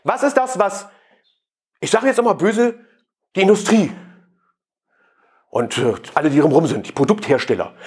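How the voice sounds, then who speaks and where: A man's voice: a little high, breathy edge. A man giving a live sales talk, questioning the audience and provoking them. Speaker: sales speaker.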